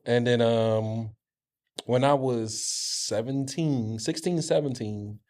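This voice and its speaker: A man's voice: mid-range voice, takes it slowly, a little mellow. A man co-hosting a casual podcast, telling candid, profane stories with many stammered restarts. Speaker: co-host.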